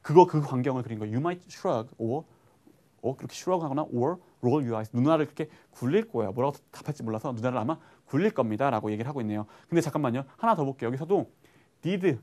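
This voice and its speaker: A Korean man teaching an English lesson, asking himself questions and answering them, and reading English phrases slowly before translating them. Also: medium pitch. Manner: lively explaining, asks and answers his own questions.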